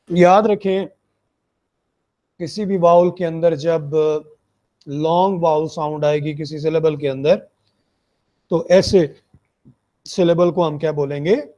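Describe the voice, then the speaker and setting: A man's voice: fairly high pitch, mellow. A man giving a recorded phonetics lecture, explaining step by step, repeating points and checking that students follow. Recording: muffled lo-fi recording.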